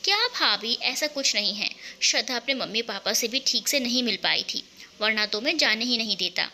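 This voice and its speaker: A woman voicing a gentle, lovestruck young groom. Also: on the high side, expressive, moderate pace, a little hiss or hum, heavily acted. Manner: gentle, reassuring. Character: newly married young man, lovestruck and calm.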